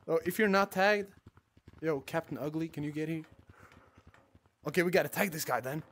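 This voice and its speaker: A man's voice: on the high side, normal speed, fairly bright tone. A young man from Norway chatting casually while livestreaming a VR game, greeting chat and thanking subscribers. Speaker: streamer.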